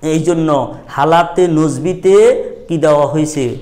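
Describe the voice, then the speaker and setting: A man's voice: on the high side, slow pace, warm tone. A middle-aged man, teaching a grammar lesson at a madrasa and quizzing his students with repeated questions.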